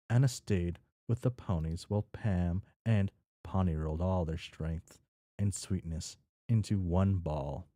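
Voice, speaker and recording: A man with a low-pitched, dark voice hosts a read-along stream, chatting casually as he draws and reading a story aloud offhandedly, stumbling over words at times. There's no echo on the recording.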